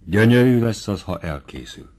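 A man narrating a classic novel as an audiobook, in a measured, expressive reading. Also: on the low side. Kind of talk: scripted literary narration.

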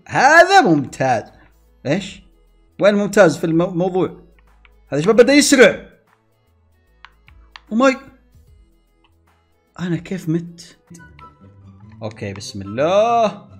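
A man giving excitable gameplay commentary, exclaiming and talking to himself and his viewers. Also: on the high side. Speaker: gaming YouTuber.

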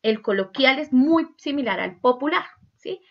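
A woman's voice: high voice, normal speed. A woman, teaching a class and acting out spoken examples while checking in with the students. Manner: lively, acts out examples, asks "¿sí?" and "¿cierto?" often. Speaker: Spanish teacher. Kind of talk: online class lecture. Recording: dull lo-fi recording.

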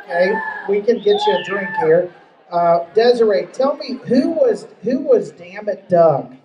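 A man's voice: high-pitched, animated, a little slow, a little mellow, far from the mic, lo-fi sound. A man hosting a live charity dance event, upbeat and a little stumbling over his words in a ballroom. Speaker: emcee. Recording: echoey hall, mic from afar.

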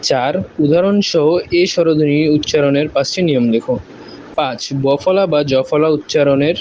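A male teacher with a Bangladeshi Bengali accent, reading out a numbered list of exam questions in a steady, even way. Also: fairly high pitch, dull audio, slight background noise.

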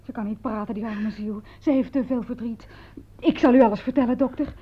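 A fiery, devoted young orphaned servant girl, played by a woman in a radio play, with a high, ringing voice. She tells her story in an excited rush, stammering and tripping over her words. The sound is dull and muffled, like an old broadcast recording. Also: fairly quick, natural voice. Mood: sorrowful. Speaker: household servant. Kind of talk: 1950s-style radio drama acting.

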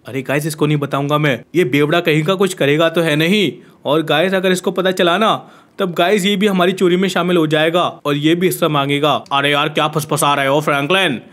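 Young guy with a high voice chatting through a game video, talks right to viewers. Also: fairly quick. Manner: chatty, addressing viewers as guys. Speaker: gaming video narrator. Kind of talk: casual game commentary.

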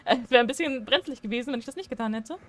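A gaming streamer rattles off very fast, joking commentary in a fairly high, fairly bright voice while playing a horror game for her audience. Chatty at her desk microphone, she shrieks whenever she's startled during the let's play.

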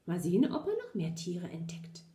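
A woman with a German accent, a kindergarten teacher reading a storybook aloud to children and asking them gentle questions. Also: lowish voice, huge pitch swings, moderate pace. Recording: roomy echo.

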